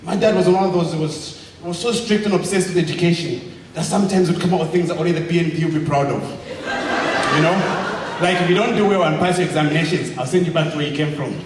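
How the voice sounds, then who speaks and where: A young man from Zambia, doing an energetic, rabble-rousing stand-up comedy set and shouting his punchlines. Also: fairly high pitch, quick pace, very echoey, big-room sound, distant mic, background noise. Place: comedy club stage. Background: audience laughter.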